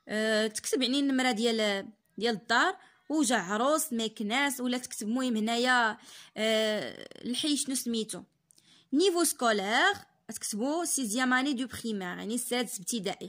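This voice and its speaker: A young woman in her twenties with a Moroccan Arabic accent, teaching a French lesson as a tutor, reading sentences slowly and then explaining them quickly in Darija. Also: a little high, a bit bright.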